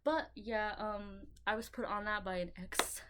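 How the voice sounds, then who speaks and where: A young woman vlogging from her bedroom about her manga collection, rambling and excitable, swearing casually. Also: mid-range voice, measured pace, smooth. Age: young adult. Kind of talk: casual chat to camera.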